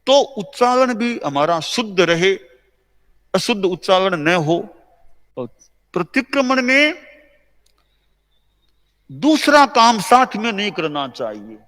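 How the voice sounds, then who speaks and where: A man with an Indian accent preaches in a plain, conversational way, circling back to the same points as he instructs. His voice sits a little high for a man. The sound carries a long reverb from a large hall. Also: big pitch swings. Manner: conversational, repetitive, gently instructive; slow measured chanting of recited verses. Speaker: Jain spiritual teacher. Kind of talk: sermon.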